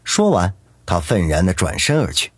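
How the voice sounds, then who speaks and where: A man narrating an audiobook in a lively, dramatic storytelling manner. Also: low voice, moderate pace, breathy edge, no room sound, studio quality.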